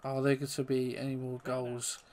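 A man giving chatty live commentary over his own football video game, self-deprecating and bursting into excitement at goals. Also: medium pitch, normal speed. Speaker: gaming YouTuber.

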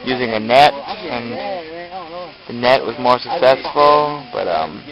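A young man filming a video diary of a camping trip, with a relaxed, halting manner and many ums and uhs. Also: mid-range voice, dull audio, a crowd in the background. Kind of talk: casual handheld video diary. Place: car, store, campsite outdoors, tent at night. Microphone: camera held at arm's length. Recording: noisy handheld camcorder audio.

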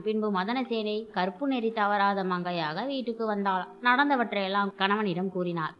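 A woman's voice: mid-range voice, muffled recording. A woman hosting a storytelling show, reading a folk tale aloud and raising her voice for the characters' lines. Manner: acts out character lines in a raised voice. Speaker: storyteller host.

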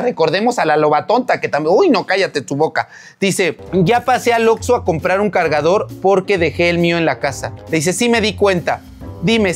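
Theatrical gossiping Mexican man. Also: sits high. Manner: theatrical, gasps and cries out "ay, no". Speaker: doctor reacting to viewer stories. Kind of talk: gossipy storytelling commentary.

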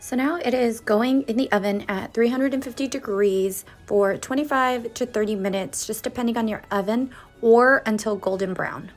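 A woman's voice: on the high side, moderate pace, faint music behind. A woman hosting a baking vlog at home, chatting through each step in a casual voice-over. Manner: chatty, walks through steps one by one. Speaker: baking channel host. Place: home kitchen.

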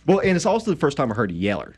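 A young man hosting a casual podcast chat, animated and quick to laugh, with lots of fillers and restarts. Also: a little high, slightly rough. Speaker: podcast host.

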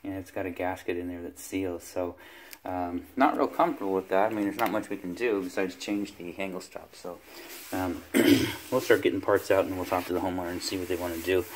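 This middle-aged man is a plumber from California, giving a casual, practical, step-by-step explanation of a job with many fillers. His deep voice is steady and brisk, captured on a handheld phone in an indoor bathroom with slight background noise.

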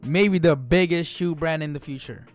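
A man's voice: a little high, normal speed, faint music behind. Young man in his twenties, laid-back chat. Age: 20s. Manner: relaxed, joking, filler-heavy talk. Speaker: co-host of a couple's channel. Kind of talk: casual Q&A chat. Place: small home studio room. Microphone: studio microphone on a stand, close.

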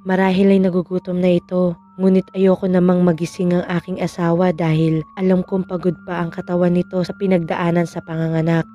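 A woman narrating a scripted horror story in calm, measured first person. Her voice sits low and mellow, with soft warmth. Faint music runs underneath. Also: highs cut off.

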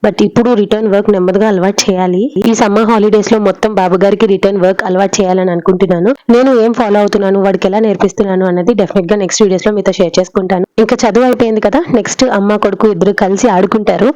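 A woman's voice: medium pitch, fairly even intonation, very fast, hardly any pauses, mellow, no echo, poor audio. A woman, a mother and vlogger, narrating her day in a chatty voice-over, dropping English words into her talk and speaking straight to viewers. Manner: mixes English words into Telugu, talks to viewers directly.

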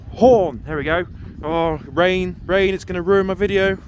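A man's voice: high voice, unhurried, a little hiss or hum. Rambling man vlogging outdoors on phone. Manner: chatty, rambling, repeats himself with fillers. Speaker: train vlogger. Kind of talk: casual vlog commentary. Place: outdoor railway station platform at dusk. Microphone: handheld phone camera.

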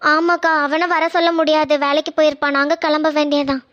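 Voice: high voice, level tone, fast, a bit bright. A voice actor playing an apologetic village neighbor woman in a cartoon. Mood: worried. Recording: dull lo-fi audio.

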